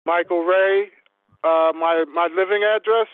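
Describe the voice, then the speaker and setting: A man's voice: sits high, steady tone, unhurried, clean tone. A man calling in by phone as the appellant at a city board hearing, giving brief, polite answers. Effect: heard over a phone line. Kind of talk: remote testimony. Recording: tinny phone line.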